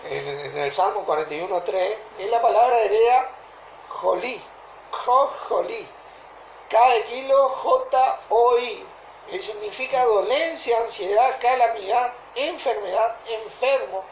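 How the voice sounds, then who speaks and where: A woman with a Rioplatense Argentine accent preaching a sermon in a deliberate way, often stopping to ask whether listeners follow. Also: fairly high pitch, a little hiss or hum. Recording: echoey room.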